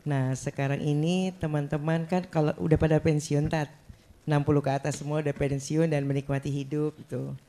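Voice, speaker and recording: A woman's voice: sits low, flat delivery, a little fast, mellow. Hesitant older woman asking a question. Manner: hesitant, polite, many fillers.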